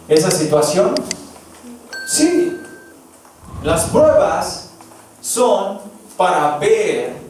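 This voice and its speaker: A man's voice: sits high, darkish tone, recorded from a distance. A man preaching a verse-by-verse sermon, emphatic and asking the congregation questions. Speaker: pastor. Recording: roomy echo, voice from afar, faint noise.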